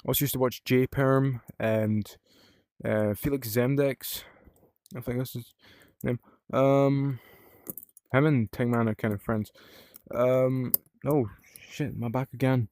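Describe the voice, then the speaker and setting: A man's voice: medium pitch, fairly even intonation, takes it slowly, pauses often, darkish tone, no room sound, studio quality. A young British man from the UK chatting casually in a rambling vlog, swearing freely and using lots of fillers. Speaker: vlogger.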